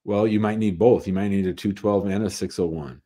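A middle-aged immigration lawyer hosts a call-in advice show from his home office over a video call, captured by a webcam. His lowish, mellow voice moves fairly quickly with fairly even intonation as he methodically recaps the caller's facts step by step.

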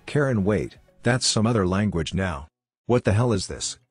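A man voicing a rude, entitled woman diner in a complaining manner, read in his own deep voice. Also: animated, normal speed, breathy edge, soft background music. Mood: indignant.

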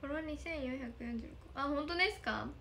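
On a phone camera with a little hiss or hum, a young idol livestreamer reads out viewer comments, giggling and thanking people often. Her high voice is pushed and bright, and she speaks briskly.

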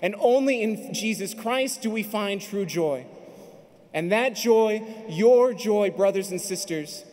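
Speaking slowly with lively intonation, a male priest in his thirties preaches fervently from an arena pulpit, rising to emphatic peaks. His voice sits high with a darkish tone, picked up by a stand mic and carried on a long arena reverb.

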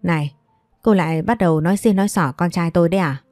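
A woman's voice: fairly low pitch, fast, dry recording, faint music behind, close to an everyday voice. A woman voicing a scornful, nagging older mother-in-law who complains theatrically. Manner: sharp and wailing, theatrical complaints.

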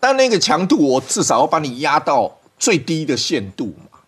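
A man's voice: a little high, sing-song, normal speed, slightly rough. A man with a Taiwanese Mandarin accent giving political commentary on a studio panel, reasoning aloud in an argumentative way and repeating phrases.

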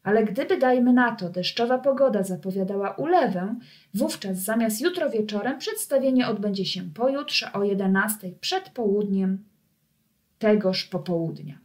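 Storybook ringmaster, pompous and showy, a woman reader putting him on, slow declamatory delivery. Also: mid-range voice, animated, a little mellow, close to an everyday voice. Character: pompous male circus director, grandiloquent showman.

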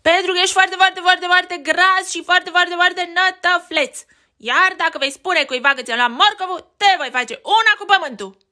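Woman putting on a loud mean bully rabbit, high shrill yell, storybook reading, drawn-out taunts. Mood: taunting. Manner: yelling insults, slow drawn-out repeats.

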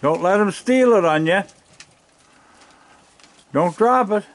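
A man's voice: sits high, expressive, slow. An older man hosting a casual outdoor chat, easygoing and offhand as he counts and comments, holding the phone camera himself on a deck at night. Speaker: host filming raccoons. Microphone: phone camera in his hand.

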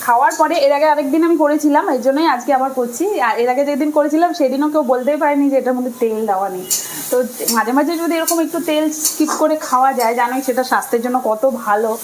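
High-voiced chatty woman cooking at home. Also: racing, noisy background. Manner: chatty, talks to viewers while cooking. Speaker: cooking vlogger. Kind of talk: casual cooking narration. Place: home kitchen. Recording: kitchen clatter behind voice.

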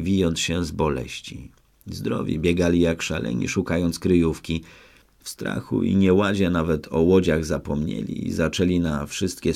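A man narrating an adventure audiobook in the first person, with measured, dramatic storytelling. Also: sits low, gravelly, darkish tone.

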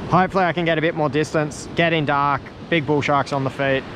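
A young Australian man hosting a casual fishing vlog on a surf beach at sunset, excitable and quick to laugh, recorded on a head-mounted camera. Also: a little high. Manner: excitable, laughing, exclaiming at catches. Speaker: fishing channel host. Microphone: head-mounted action camera. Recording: loud surf and wind noise outdoors.

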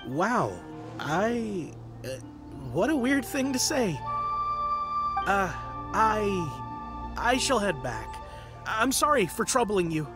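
A man's voice: sits high, very animated, slow pace, long pauses, exaggerated voice. A man voicing a timid, superstitious young townsman in a game, hesitant, earnest and polite. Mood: bewildered, hesitant. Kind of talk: animated game character acting. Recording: clear music behind the voice.

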